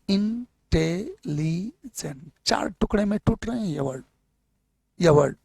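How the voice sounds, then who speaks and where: A man from India with a Bihari Hindi accent, teaching a classroom English grammar lesson and slowly dictating English examples. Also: high voice, no echo.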